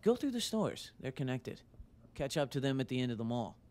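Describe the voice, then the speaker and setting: A man's voice: medium pitch, big pitch swings, a little fast, a little mellow, lightly acted. An actor playing a laid-back young male survivor who scavenges, speaking casually in a game.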